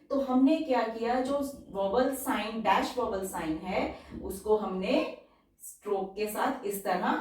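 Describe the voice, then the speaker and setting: A woman explains a shorthand lesson one step at a time and draws out each example word as she repeats it. Her voice is mid-pitched and comes from some distance away from the mic. The room around her is very echoey. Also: a little mellow. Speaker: shorthand teacher.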